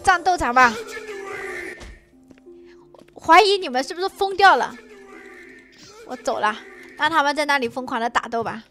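A very high-voiced young woman narrates her game in an excited, dramatic way. Her tone is sharp and bright, full of mock sobbing and sing-song chants. Soft music plays faintly underneath. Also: moderate pace, pauses often. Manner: dramatic, whiny fake crying and chanting. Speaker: gaming channel host.

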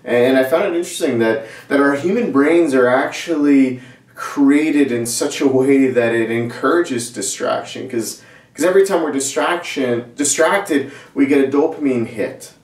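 A man's voice: mid-range voice, normal speed. Middle-aged guy preaching, chatty, lots of restarts, roomy echo, mic kinda far off. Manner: conversational, animated hand gestures, frequent restarts. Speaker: pastor. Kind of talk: sermon. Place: small church studio set, indoors.

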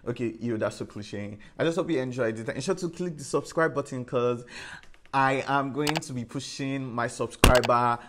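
A man's voice: mid-range voice, normal speed, a bit bright, slight background noise. Sassy, chatty young man. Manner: chatty, sassy, full of "like" and "period". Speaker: beauty influencer. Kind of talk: casual chat while doing makeup.

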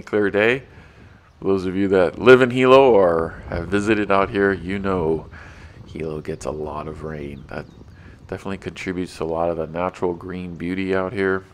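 Deep-voiced man narrating a walking tour. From not from the local area. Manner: relaxed, chatty guide with small restarts.

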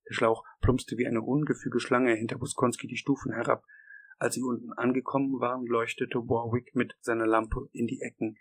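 Man, audiobook reader, horror narration, measured, gravelly, husky. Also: mid-range voice, poor audio. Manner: measured, steady reading.

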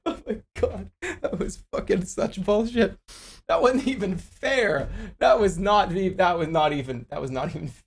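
A man's voice: high-pitched, animated, normal speed, creaky, husky. A man in his thirties doing live gameplay commentary, complaining in a whiny, childish, repetitive way. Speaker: video game streamer.

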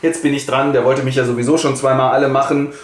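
A man's voice: mid-range voice, little pitch movement, fast talker, natural voice. A man voicing a fussy older male tutor who talks in a fretful, hand-wringing way. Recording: roomy with faint hiss.

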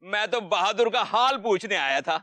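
A middle-aged actor with an Indian accent playing a nosy, officious housing society secretary in a TV sitcom. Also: male voice, high-pitched, expressive, normal speed. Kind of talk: TV sitcom acting.

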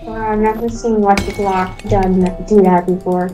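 A woman's voice: medium pitch, fairly even intonation, moderate pace, echoey room, poor audio. A young woman chatting hesitantly and playfully while gaming with a friend, using lots of fillers. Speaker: guest gamer. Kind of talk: casual gameplay chat. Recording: game music behind the voice.

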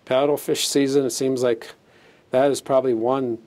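Mellow-voiced middle-aged official, matter-of-fact. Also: male voice, mid-range voice, little pitch movement, normal speed. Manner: plain, matter-of-fact, many fillers and restarts. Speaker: fisheries division chief. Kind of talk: studio interview, explaining regulations. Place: studio set, indoors.

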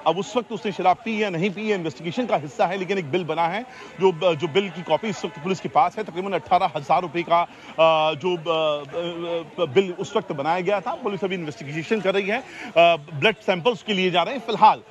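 A man's voice: high voice, normal speed, lo-fi sound. A man in his forties reporting live outdoors for a news channel, speaking into a handheld mic, with frequent hesitations and restarts. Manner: hesitant, many fillers and restarts. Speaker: field reporter. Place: outdoors beside a demolition site.

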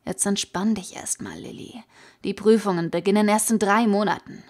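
A woman reading the part of a calm, caring teenage boy in a fan audiobook, speaking softly, at times almost in a whisper. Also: mid-range voice, moderate pace, close to an everyday voice. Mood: gentle.

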